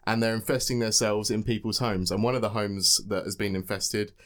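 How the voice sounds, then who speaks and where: A man's voice: fairly low pitch, flat delivery, a little fast, fairly bright tone. A young man from England telling a story in casual chat, often breaking into laughter. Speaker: podcast co-host telling a story.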